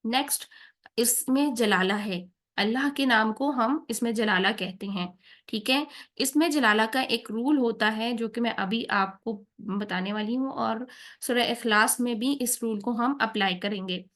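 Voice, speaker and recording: A patient woman teaches Quran recitation, and her voice sits a little high. She explains each pronunciation point step by step and keeps checking that her learners follow. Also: a bit bright. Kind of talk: tajweed lesson with slow recited examples.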